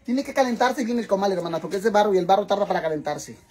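A man's voice: sits high, lively intonation, rapid-fire, darkish tone, breathy edge. A man with a Mexican accent talking in a casual cooking vlog. He is dramatic and chatty, swears freely, and keeps calling his viewers sisters. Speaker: vlogger.

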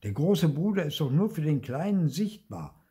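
A man's voice: fairly high pitch, big pitch swings, normal speed, mellow, voice pushed up. An older man voicing a charming, sly grandfather who winks at a cashier. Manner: charming, winking.

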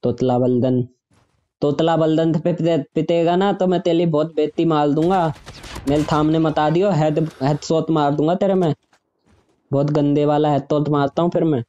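A lisping, baby-talking brat who brags and taunts, voiced by a man at a game stream, his voice pitched up and mellow. It comes through a dull, lo-fi recording. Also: steady tone, moderate pace, natural voice. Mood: boastful. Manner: boastful, teasing. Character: lisping baby-talk boy bragging about his gun.

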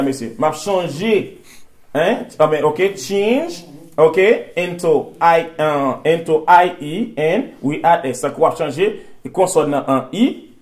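A man with a Haitian accent teaching English grammar to a class, drilling phrases slowly for students to repeat. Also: fairly high pitch, darkish tone.

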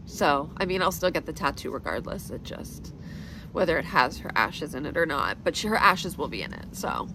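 In a noisy setting, a woman in her thirties speaks in a deep voice with lively intonation at a moderate pace. She's a vlogger sharing something emotional and personal, rambling, mocking herself with nervous laughter, almost crying.

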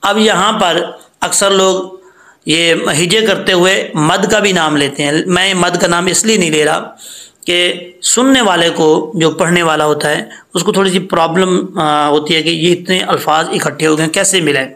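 A man teaching recitation rules patiently, step by step, and chanting slow examples. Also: high voice, bright, forceful tone. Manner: patient, explains step by step, then chants slowly. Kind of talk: tajweed lesson with recited examples.

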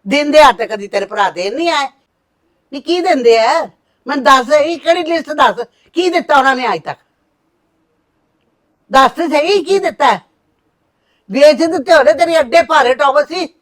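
A woman's voice: high voice, lively intonation, moderate pace, pauses often, poor audio. A woman playing a harsh middle-aged mother-in-law who scolds and threatens her daughter-in-law. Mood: taunting. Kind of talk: family drama acting.

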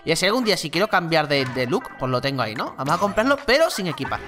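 A gaming channel host with a Spain Spanish accent giving chatty, excitable gameplay commentary. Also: mid-range voice, rapid-fire, soft background music. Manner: excitable, chatty, exclaims and laughs during play.

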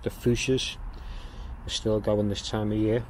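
A man giving a casual tour of his walled garden outdoors, talking in a plain-spoken, unhurried way as he walks and explains. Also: fairly low pitch, little pitch movement, a little hiss or hum. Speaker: gardening vlogger.

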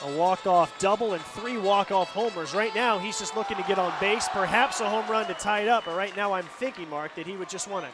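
An American radio announcer with a high voice calls a baseball game live, speaking fairly quickly with few pauses in a clipped, descriptive style and rattling off stats. He's in a stadium broadcast booth over music, with loud ballpark crowd noise and stadium ambience all around.

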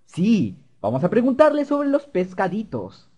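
A tender little boy in a spooky game, high and sing-song, his tone swinging up and down, as a man puts him on. The voice has a breathy, husky edge. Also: wildly swooping pitch, unhurried, a little mellow, full character voice. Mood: eager. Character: small sensitive boy, tearful and curious.

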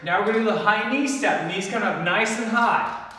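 A man in his thirties coaching a workout like a barking gym coach, energetically calling out counts, a little breathy from exertion as he moves. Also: high-pitched, normal speed, sharp tone, slight background noise. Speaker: fitness instructor, jump rope coach. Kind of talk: workout tutorial with counted cadence. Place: indoor gym with rubber floor. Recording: echoey gym, distant mic, music behind.

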